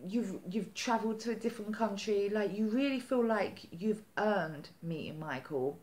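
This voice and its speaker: A woman vlogger telling a story in casual chat, animated and chatty, acting out the quotes with lively jumps in her voice. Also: mid-range voice. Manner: chatty with many "like" fillers.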